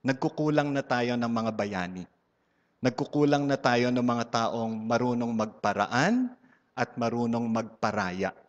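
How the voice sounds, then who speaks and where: Speaking at a medium pitch and measured pace, this man with a Filipino accent shares a playful, humorous testimony at a church community gathering, teasing the crowd and blending Tagalog and English. The live audience fills a large hall, the reverb is long, and the highs are cut off.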